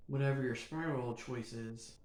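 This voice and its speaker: A man's voice: mid-range voice, darkish tone. Earnest man in a roomy echo. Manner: measured, earnest, building emphasis in short phrases. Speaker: podcast host. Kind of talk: reflective scripted monologue.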